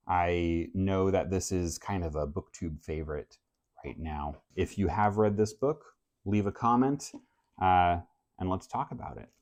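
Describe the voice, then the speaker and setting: A man who grew up in France, talking casually to camera about his reading list in a relaxed, measured way. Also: low voice. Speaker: book vlogger. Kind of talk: casual book talk to camera.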